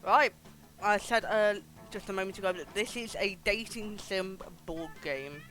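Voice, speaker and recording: With music in the background, this game streamer talks to viewers in a fairly bright, medium-pitched voice at a measured pace. The stream chat is informal, chatty, and sweary, broken up by occasional reading of in-game text.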